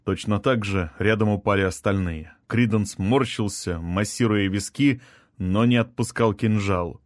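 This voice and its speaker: A man narrating a first-person fantasy audiobook in a steady, measured reading. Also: fairly low pitch, dry recording, clean studio sound. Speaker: audiobook reader.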